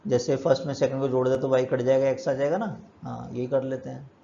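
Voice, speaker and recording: Gravelly-voiced man teaching physics. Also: medium pitch, flat delivery, fast talker, warm tone, lo-fi sound, slight background noise. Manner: explains step by step, asks and answers his own questions. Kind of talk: classroom lecture.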